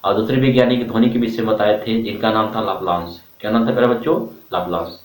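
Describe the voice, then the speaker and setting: A man's voice: on the low side, steady tone, quick pace. Man teaching a class in an echoey room. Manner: addresses students as dear children, repeats questions for the class to answer. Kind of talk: classroom lecture. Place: classroom with a board. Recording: roomy, from far off.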